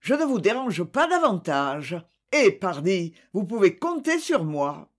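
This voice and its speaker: Whiny old beggar guy, sly flatterer, voice swoops around a lot, a reader putting him on. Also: mid-range voice, unhurried. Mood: relieved. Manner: whimpering, pleading. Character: whining poor older man, sly flatterer.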